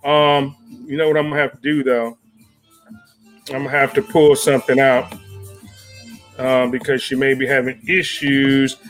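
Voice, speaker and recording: A man's voice: mid-range voice, level tone, normal speed, long pauses. A man hosting a live stream show in a casual, laid-back way, greeting viewers by name and using easy slang. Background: jazz music playing softly.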